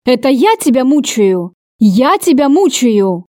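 Woman doing jealous young man, slow clipped menacing delivery, dry close recording. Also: high-pitched, big pitch swings, a little mellow, dry recording. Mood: furious. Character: angry jealous young man, brooding love interest. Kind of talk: audiobook character voicing.

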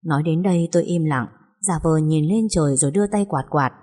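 A woman narrating a first-person story audiobook with a steady, expressive reading. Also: low voice, fast, husky.

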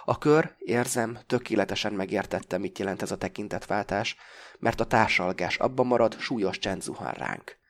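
A man reading a first-person novel aloud as an audiobook, calm and measured. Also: on the low side. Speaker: audiobook reader.

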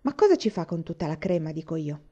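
A woman's voice: low-pitched, big pitch swings, fast talker, husky, muffled recording, exaggerated voice. A woman voicing a brash, blunt orphan girl who talks back defiantly. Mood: indignant. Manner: blunt and defiant, loud outbursts.

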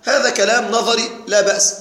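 A man teaching a grammar lesson to a class, reciting word pairs slowly and checking often that his students follow. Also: extremely high pitch, steady tone, bright, forceful tone. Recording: echoey room, voice from afar.

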